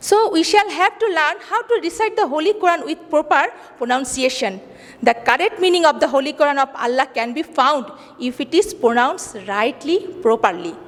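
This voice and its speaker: A woman teacher giving a lesson, explaining slowly in English, then repeating faster in Bengali and asking questions she answers herself. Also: high-pitched, lively intonation. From Bangladesh. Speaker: school teacher. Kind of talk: classroom lesson. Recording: long hall reverb.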